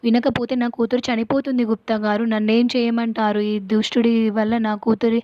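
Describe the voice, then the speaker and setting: A woman's voice: a little high, little pitch movement, a little fast, dry recording, highs cut off, lightly acted. A woman reading out the lines of a grieving, desperate mother's spirit in her own plain voice. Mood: pleading.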